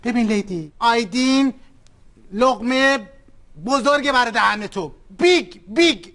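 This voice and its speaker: In a comedy sketch, a performer plays a bossy, overprotective older mother with a Persian accent, speaking bluntly in broken English mixed with Persian. The voice is mid-range, animated, and fairly bright.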